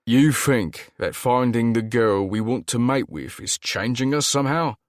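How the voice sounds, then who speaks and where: A man's voice: mid-range voice, a little slow, no echo, studio quality, voice pushed up, lightly acted. A man playing a troubled young shifter. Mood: uneasy.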